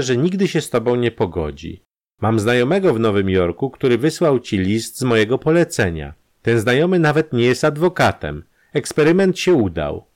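A man voicing a proud, wealthy woman in an audiobook, speaking sharply and with irony. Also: on the low side. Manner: sharp, ironic. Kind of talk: audiobook character reading.

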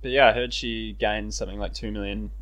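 A man's voice: on the low side, fairly quick, poor audio. A young Australian man co-hosting a casual podcast chat, telling stories with mocking impressions. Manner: animated storytelling, mocking impressions. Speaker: podcast co-host.

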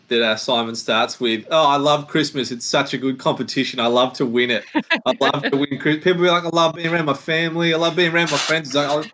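A man's voice: on the high side, fairly bright tone. A man and podcast guest chatting casually, acting out other people's lines as he talks. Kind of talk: casual chat.

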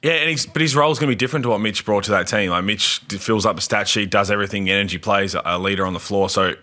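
A man's voice: fairly low pitch, rapid-fire, bright, forceful tone. A man talking easygoing sports chat as co-host. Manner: easygoing, agreeable, laughs along. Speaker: podcast co-host.

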